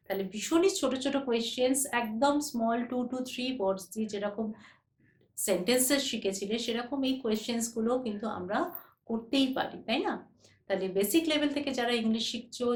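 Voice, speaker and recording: A woman with a Bengali accent teaching English, who says each question slowly and with emphasis after giving it in Bengali. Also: on the high side, roomy sound. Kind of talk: bilingual language lesson.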